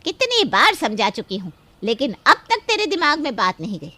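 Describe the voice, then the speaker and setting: A woman voicing a loud, quarrelsome neighbor woman in a cartoon, yelling and scolding. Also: high-pitched, sing-song, normal speed, dry recording, heavily acted. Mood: angry. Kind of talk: cartoon voice acting.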